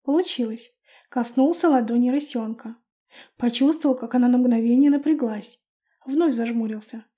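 A woman calmly narrating a first-person audiobook. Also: a little high, normal speed, slightly rough.

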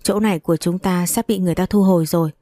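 A woman voicing a sorrowful temple abbot who speaks softly, heavy with sadness. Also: fairly low pitch, fairly even intonation, rapid-fire, no room sound, clean studio sound, close to an everyday voice.

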